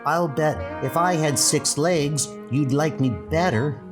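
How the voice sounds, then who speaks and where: A woman's voice: low-pitched, slow pace. Coy, pouting Wasp heroine acted by a woman. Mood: flirty, petulant. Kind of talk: comic-book dub acting. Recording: music under the voice.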